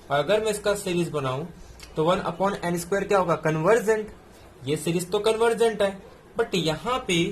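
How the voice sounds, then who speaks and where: Man, math tutor, step-by-step exam walkthrough, fairly high voice. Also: slight background noise. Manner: explains step by step, mixing in English terms. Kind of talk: exam solution lecture.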